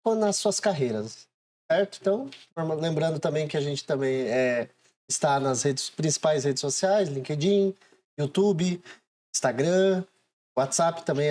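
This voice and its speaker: A man's voice: fairly high pitch, a little slow, darkish tone. A man co-hosting a podcast, upbeat and promotional as he thanks listeners and plugs the channel. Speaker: podcast co-host. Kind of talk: casual interview chat.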